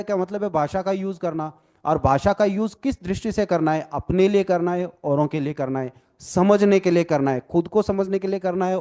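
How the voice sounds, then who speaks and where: High-voiced man teaching a video-call lesson. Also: mellow. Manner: explains slowly, mixes English phrases into Hindi, repeats "ठीक है ना?". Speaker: trainer. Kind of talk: online training lecture.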